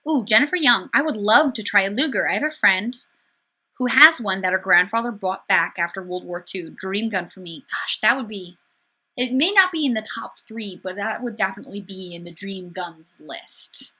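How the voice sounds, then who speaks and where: A woman's voice: medium pitch, lively intonation, normal speed, pushed and bright, slightly rough. A young woman from Wisconsin hosting a casual webcam livestream, chatty and upbeat, reading out viewer comments and answering them with sarcastic asides. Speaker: livestream host. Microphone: webcam mic.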